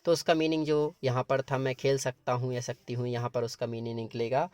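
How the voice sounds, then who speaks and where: A man's voice: medium pitch, little pitch movement, fairly quick, a little mellow, no room sound. A male teacher explaining grammar patiently, step by step, in a classroom-lesson style. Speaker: English teacher.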